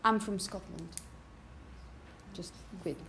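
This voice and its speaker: A woman's voice: fairly low pitch, takes it slowly, sharp tone, slight background noise. A woman teaching a classroom pronunciation lesson, patiently correcting students and often checking "okay?".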